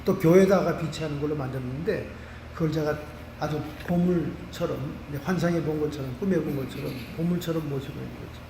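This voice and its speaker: A Korean man, a pastor, preaching a lively sermon full of homely examples. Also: a little high, fast, vocal fry, background noise. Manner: animated preaching with vivid everyday examples. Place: church sanctuary. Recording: roomy church hall from a distance.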